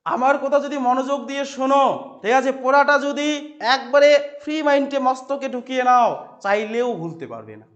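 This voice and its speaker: A man teaching Sanskrit verses to a class. He quizzes the students, repeats key phrases and chants the verses slowly. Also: very high voice, fairly bright tone, dull audio. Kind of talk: classroom lecture explaining verses.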